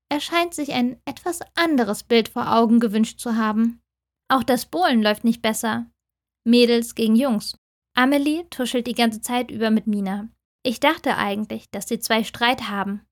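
A woman hosting a book podcast, reading a novel excerpt aloud in a steady, clear way. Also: fairly high pitch, normal speed. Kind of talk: audiobook reading and podcast outro.

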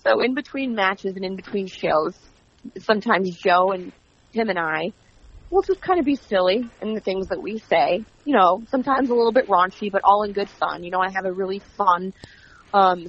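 A woman being interviewed as a wrestling commentator, telling stories in a chatty, animated way and acting out quoted dialogue. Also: mid-range voice, moderate pace, slightly rough. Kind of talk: casual interview. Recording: dull lo-fi audio.

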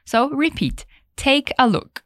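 A young Brazilian woman with a slightly high voice teaches an English lesson. She repeats each phrase slowly and patiently so the learner can follow. The sound is dry and close, with no room echo. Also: expressive, fairly bright tone. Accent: Brazilian Portuguese. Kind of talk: language lesson.

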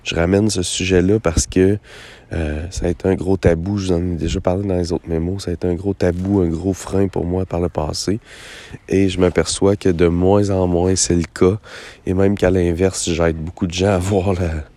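A man with a Quebec French accent and a hoarse, gravelly voice, talking casually and hesitantly off the cuff as he thinks aloud. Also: low-pitched, flat delivery, moderate pace, mellow, dry recording. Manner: hesitant, thinking aloud, often repeating words. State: hoarse after a late night. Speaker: host of a personal voice-memo show. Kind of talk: casual, unscripted monologue. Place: outdoors on a lakeside beach.

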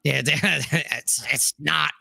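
A man hosting his own live stream in casual, profane banter, reacting with quick jokes and frequent laughter. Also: fairly high pitch, steady tone, gravelly, pushed and bright, husky, no room sound, studio quality.

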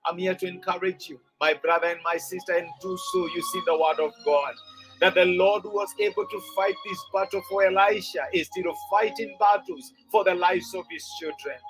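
A man's voice: high-pitched, steady tone, moderate pace, fairly bright tone, faint music behind, low-quality recording. A man preaching a sermon, exhorting his listeners in an earnest way and repeating phrases for emphasis.

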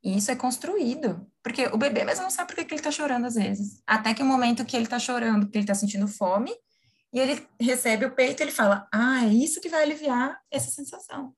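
A woman, explaining things in a lively, casual conversation, often asking her listeners "right?". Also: fairly high pitch, fast, husky. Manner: animated, acts out imagined quotes, frequent tag questions.

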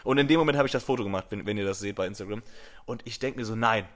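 A man's voice: on the low side, rapid-fire. A young man co-hosting a podcast, telling a story in a casual chat with lots of fillers and restarts. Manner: rambling storyteller, lots of fillers and repeated starts. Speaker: podcast co-host.

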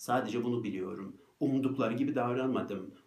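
A man giving a motivational talk, telling a personal story in a joking, animated way and acting out what was said. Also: medium pitch, brisk. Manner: animated, laughing at his own story, acts out quotes. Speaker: motivational speaker. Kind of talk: storytelling monologue. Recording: roomy echo.

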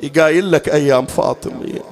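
A man with an Iraqi Arabic accent reciting a religious mourning elegy, moving from quick spoken storytelling into a drawn-out wailing chant. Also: a little high, darkish tone.

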